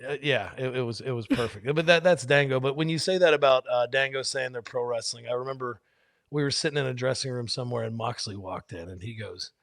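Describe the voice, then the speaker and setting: A man's voice: medium pitch, fast talker, gravelly, no echo, clean studio sound. A man telling a rowdy bar story in casual chat, swearing freely and acting out what people said. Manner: animated, profane, acts out quotes. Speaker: podcast guest.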